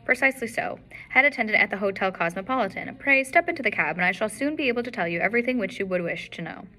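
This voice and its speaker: A woman voicing a brilliant, blandly polite male detective in a story reading, smooth and courteous. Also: mid-range voice, quick pace, sharp tone. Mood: suave. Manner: smooth, courteous, faintly amused.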